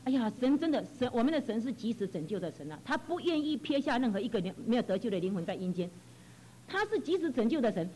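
A woman's voice: a little high, sing-song, fast talker, warm tone, slight background noise, rough recording. A woman giving a fervent personal testimony, telling her story with frequent exclamations.

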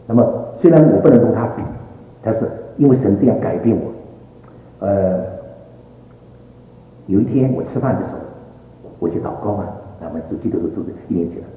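A man preaching a sermon and telling his own testimony, in an animated, emphatic storytelling manner that climbs into excited outbursts. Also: fairly low pitch, fairly quick, pauses often. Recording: tinny, echoey hall recording.

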